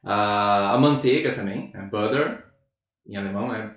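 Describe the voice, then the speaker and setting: A man's voice: on the low side, normal speed, fairly bright tone, roomy sound, distant mic, muffled recording. A man from Brazil, an English teacher chatting on a podcast and rambling with many restarts. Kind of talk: casual classroom-style chat.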